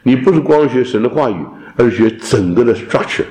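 A man teaching a theology class, lecturing in an animated way and dropping in English terms. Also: mid-range voice, brisk. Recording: roomy echo.

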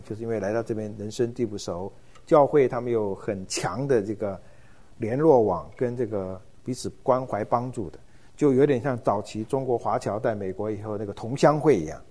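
A middle-aged man teaches in a relaxed, unhurried lecture. His voice is mellow and warm, and he often pauses with hesitation fillers as he thinks aloud. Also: mid-range voice, breathy edge. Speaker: church ministry lecturer. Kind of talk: informal lecture.

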